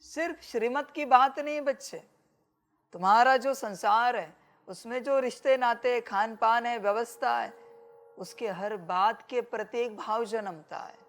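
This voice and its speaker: A woman's voice: a little high, measured pace, soft background music. A woman giving a spiritual discourse as a teacher, admonishing her listeners and calling them children.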